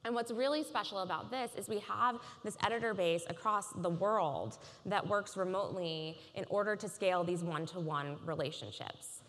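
A woman in her thirties giving a polished, measured conference keynote on a large stage. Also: on the low side, a bit bright. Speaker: keynote speaker. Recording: reverberant conference hall.

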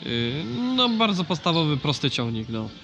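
A man's voice: on the high side, very animated, normal speed, bright, forceful tone, soft background music. A man with a nasal, congested voice from a blocked nose, explaining farm machinery in a casual, hesitant vlog style. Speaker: vlogger.

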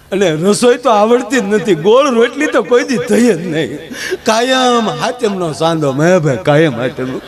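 A man doing a glum henpecked husband. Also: high-pitched. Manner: complaining, rueful storytelling. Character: glum henpecked married man in his forties.

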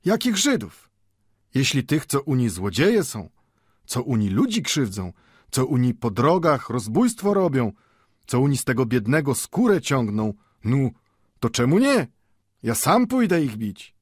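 An old man with a Yiddish-inflected accent, proud and fervent. He pleads in a high, swooping voice full of rhetorical questions, with a husky edge, in a storybook reading. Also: very animated, measured pace, dry recording, studio quality. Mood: wry. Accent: Yiddish-inflected Polish. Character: old male bookbinder, impassioned, wry, proud.

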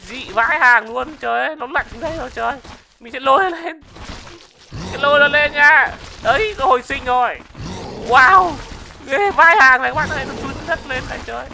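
Excitable game commentator. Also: high-pitched, fast talker. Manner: excitable, shouts wow, repeats words in bursts. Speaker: gaming channel host. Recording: clear background noise.

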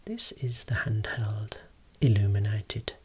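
A voice whispering slowly and softly, showing eye-clinic equipment as an ASMR role-play optometrist. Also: medium pitch, breathy edge. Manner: soft unvoiced whispering, explaining slowly.

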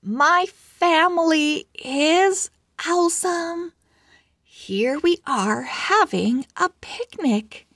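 A woman voices a cheerful young owl girl from a storybook who is sharing her diary. She talks very slowly, chatty and emphatic throughout, stressing words with big, animated pitch swings. The performance is heavily acted and recorded dry with studio quality.

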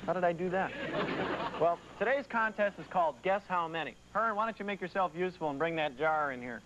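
A man in his twenties hosts a comic TV show with goofy exasperation. His voice is notably high, on a dull studio recording with faint hiss. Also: fairly quick, fairly bright tone. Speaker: comedy show host. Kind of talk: scripted comic TV hosting. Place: TV studio set. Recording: muffled noisy old VHS tape.

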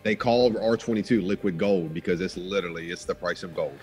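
A man's voice: low voice, fairly quick, soft background music. A man in his thirties, a business owner joining a radio interview by video call, explaining things in a matter-of-fact way. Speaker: HVAC business owner, guest. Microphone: video call webcam.

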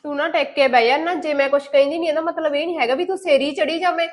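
A woman's voice: sits high, fairly even intonation, very fast, lightly acted. A woman playing a scheming young sister-in-law who quarrels and taunts in a melodramatic short film. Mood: quarrelsome.

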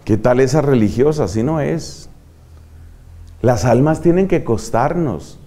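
An older man, a friar preaching a sermon in an animated, dramatic way that acts out examples. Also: mid-range voice, unhurried. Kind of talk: sermon to religious.

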